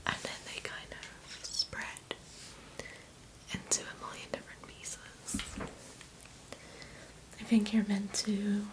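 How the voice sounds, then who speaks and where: A woman speaks in a soft spa whisper for an ASMR massage role-play. Her whispered role-play is slow and gentle, with an even, narrow melody. The phrasing is soothing and unhurried. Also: mid-range voice.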